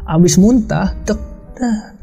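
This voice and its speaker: A man telling a story of his own in a casual, hushed, halting way, often quoting himself and others. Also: sits high, creaky. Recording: dull lo-fi sound with faint music.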